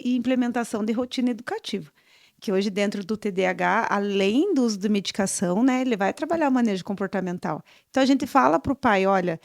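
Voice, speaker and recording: A woman's voice: medium pitch, vocal fry, a little mellow, dry recording, studio quality. A woman who hosts a clinic podcast, talkative and telling stories from her work. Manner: chatty, storytelling. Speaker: podcast host, clinic professional. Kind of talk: podcast interview.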